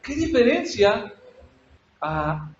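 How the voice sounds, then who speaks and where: Man, sermon, lively preaching, acted-out prayers, echoey church hall, dull lo-fi sound. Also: very high voice, drawn-out words, slight background noise. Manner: animated preaching, acts out prayers, asks the congregation questions. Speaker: pastor.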